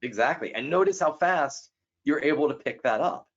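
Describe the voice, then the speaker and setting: A man giving a talk on personality styles to a guest, acting out the people in his stories. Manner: animated, acts out quoted people with quick jumps in pitch. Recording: dull lo-fi sound.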